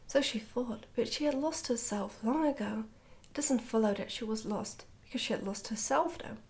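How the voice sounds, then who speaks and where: An ASMR book reader whispers a tale aloud, her breathy voice sitting a touch high as she keeps the telling gentle, careful, and hushed. She reads at a normal speed.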